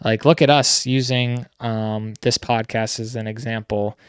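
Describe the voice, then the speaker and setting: A man's voice: mid-range voice, steady tone, unhurried, smooth, no room sound, clean studio sound. A man co-hosting a casual business podcast, speaking in an earnest, motivational way. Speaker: podcast co-host.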